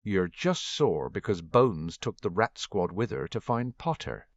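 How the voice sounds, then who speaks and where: A man's voice: low-pitched, sing-song, unhurried, no room sound, dull audio, heavily acted. A man voicing a dutiful young male Auror with a strident, reprimanding way of talking. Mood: reproachful.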